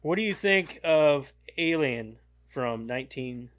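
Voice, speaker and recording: Higher-pitched man hosting a casual podcast. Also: animated, slow pace, fairly bright tone, no echo. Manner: profane, slangy. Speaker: podcast host. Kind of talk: casual chat.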